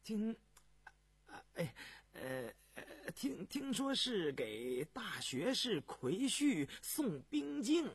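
A man's voice: fairly high pitch, huge pitch swings, takes it slowly, fairly bright tone, breathy edge, dry recording, full character voice. A man doing a fawning, stammering old-court official. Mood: flustered. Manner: obsequious, stammering when flustered. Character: fawning, nervous imperial grain official, man.

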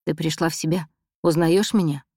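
A woman reading the lines of a fussy, brisk young man tending to a friend in hospital, in an audiobook. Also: low voice, fairly even intonation, mellow, slightly rough, no room sound, clean studio sound.

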